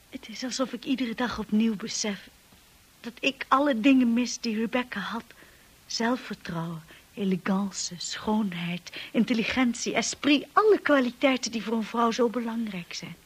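In a Dutch radio drama, an actress voices a young wife who is earnest and insecure, confiding in a hesitant, frequently hushed way. Her voice is a little high, with a breathy edge.

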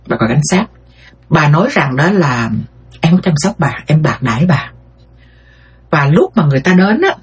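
A woman's voice: sits low, a little mellow, husky. A middle-aged woman, earnestly retelling a listener's life story and often speaking straight to her audience. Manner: earnest, addresses listeners directly, frequent pauses.

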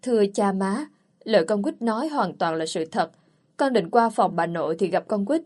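A woman's voice: mid-range voice, expressive, moderate pace, darkish tone, natural voice. A woman reading the part of a self-righteous young woman who scolds and accuses. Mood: scornful.

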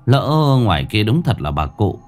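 Low-voiced male horror storyteller. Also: very animated, moderate pace, darkish tone, faint music behind. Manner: dramatic, suspenseful storytelling. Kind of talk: scripted horror narration.

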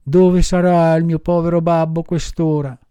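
A man voicing a lively, impulsive wooden puppet boy, raising his voice high for an audiobook reading. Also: a little slow, clear, resonant tone, no room sound, natural voice. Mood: pleading. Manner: high excitable voice, jumping up for emphasis. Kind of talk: audiobook character voice.

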